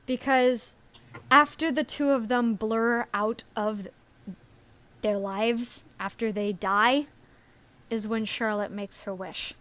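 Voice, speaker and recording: Chatty woman, fairly high voice. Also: fairly even intonation, slow pace, a bit bright. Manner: chatty and rambling, with frequent ums and little laughs. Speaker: story creator and stream co-host. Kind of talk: casual live-stream chat.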